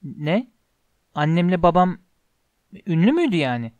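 A man's voice: sits high, very animated, normal speed, a little mellow, no echo. A man reading an audiobook voices a timid young boy, speaking hesitantly and apologetically. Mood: unsure, puzzled.

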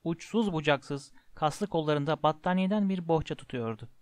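A man narrating a storybook in a measured way, slowing down for the descriptive passages. His voice sits a bit high for a man. The recording is dry and close. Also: dry recording. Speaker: audiobook narrator.

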